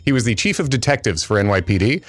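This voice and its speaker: A man's voice: mid-range voice, sing-song, quick pace. A man who is a guest on a radio show, chatting in a loose, joking way with lots of filler words. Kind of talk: casual on-air chat. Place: radio studio.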